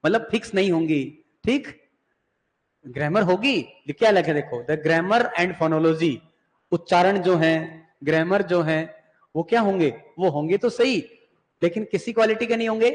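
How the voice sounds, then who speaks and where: High-voiced male teacher in a reverberant hall. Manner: asks and answers his own questions, repeats key terms; reads English terms slowly, explains in Hindi. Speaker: English teacher. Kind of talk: classroom lecture.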